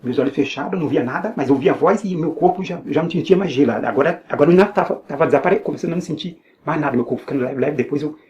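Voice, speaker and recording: An evangelical man with a Brazilian Portuguese accent gives an earnest personal religious testimony, often repeating phrases and restarting. His voice is fairly high and darkish, very fast with hardly any pauses, on dull audio with a little hiss or hum.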